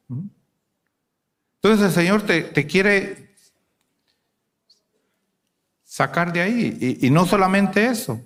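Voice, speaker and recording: A man preaching a sermon to a congregation, asking rhetorical questions and swinging between loud and hushed delivery. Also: fairly high pitch. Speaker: pastor.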